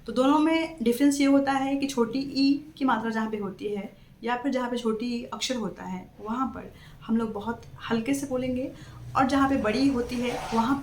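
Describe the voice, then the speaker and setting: A woman's voice: fairly high pitch, roomy sound, slight background noise, rough recording. A woman teaching young children their letters, with a patient manner, stressing each word, repeating it, and checking in often. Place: classroom.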